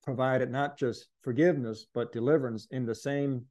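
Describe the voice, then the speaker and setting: A man's voice: medium pitch, steady tone, normal speed, a little mellow. A man earnestly recounting a spiritual experience as an interview guest, reflective and searching for words. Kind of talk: conversational testimony.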